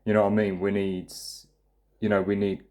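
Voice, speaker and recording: A man's voice: lowish voice, flat delivery, fairly quick, warm tone, muffled recording. A young man ranting to camera in a blunt, profane, rambling way, restarting his sentences often. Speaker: vlogger. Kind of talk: casual ranting monologue.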